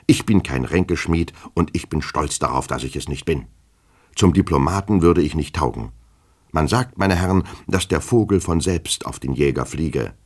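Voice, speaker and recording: A man playing a pompous, touchy petty official, husky. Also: very deep voice, expressive, normal speed, exaggerated voice. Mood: pompous indignant. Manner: stiffly formal, indignant, self-important.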